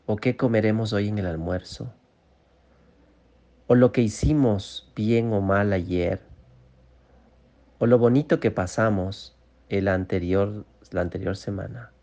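Slow, coaxing male course instructor. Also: lowish voice. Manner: slow, repetitive, gently coaching with frequent "¿sí?" checks. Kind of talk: guided mindfulness lesson.

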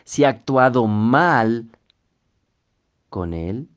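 A middle-aged man giving a calm audio talk on kind words in relationships, explaining and asking rhetorical questions. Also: medium pitch, extremely slow, highs cut off. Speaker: relationship teacher.

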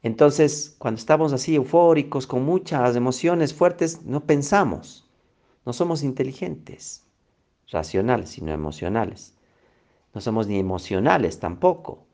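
A man's voice: medium pitch, lively intonation, a little slow, a little mellow. A male coach giving a motivational lesson, emphatic, repeating key phrases and checking in with "ok", on a slightly dull recording. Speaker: coach, instructor. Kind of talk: motivational teaching talk.

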